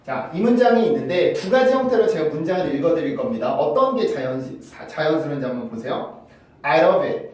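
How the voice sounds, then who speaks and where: A man's voice: fairly high pitch, big pitch swings, fast talker, a little mellow, recorded from a distance. Man teaching pronunciation in a roomy space. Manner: explains patiently, often asks "right?" and demonstrates sounds by repeating words. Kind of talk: pronunciation lesson. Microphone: camera-mounted microphone.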